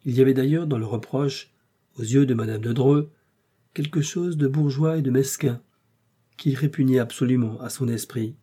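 An audiobook narrator reads a classic novel in a steady, measured way, his medium-pitched voice slightly rough.

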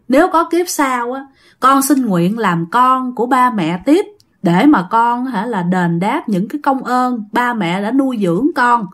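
A woman voicing the ghost of a drowned young man begging his parents' forgiveness. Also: fairly high pitch. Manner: pleading, apologetic. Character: drowned young man's ghost, remorseful and devoted.

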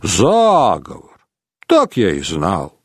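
A man's voice: sits low, huge pitch swings, very slow, husky, no room sound, studio quality, voice pushed down, heavily acted. A man voicing a haughty, mocking prince in an audiobook, drawling and sneering. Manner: languid, sneering.

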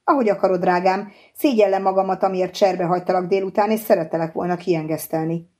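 A woman's voice: lowish voice, fairly even intonation, dark tone, natural voice. A woman reading the lines of an apologetic, evasive young man in an audiobook, in a soothing, coaxing way.

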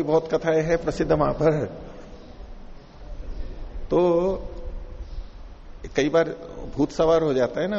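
Male teacher, gravelly voice, lecturing in a reverberant hall, dull lo-fi sound, faint noise. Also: fairly high pitch, darkish tone. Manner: explanatory, laughs along with class. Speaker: teacher of scripture. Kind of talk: classroom lecture on scripture. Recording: echoey lo-fi hall recording.

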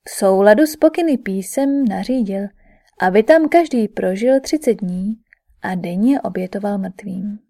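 A woman narrating a scripted epic audiobook in a measured, even storytelling manner. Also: mid-range voice, vocal fry.

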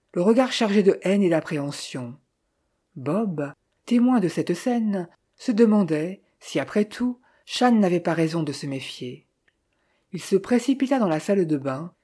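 A narrator reading a classic detective novel aloud in a measured, even manner. The voice is mellow and dark, with a slightly husky edge. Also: mid-range voice. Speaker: audiobook narrator. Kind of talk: audiobook narration.

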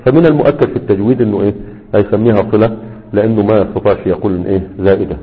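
A man's voice: on the low side, rapid-fire. A man with an Egyptian Arabic accent teaching a grammar lesson, constantly quizzing his students with half-finished questions and checking they follow. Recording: echoey room over a tinny, phone-like line.

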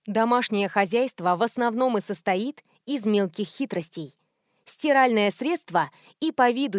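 A woman narrates a first-person comic mystery audiobook in a measured, lightly ironic way. Her voice sits somewhat high. The recording is close and completely dry. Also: no room sound.

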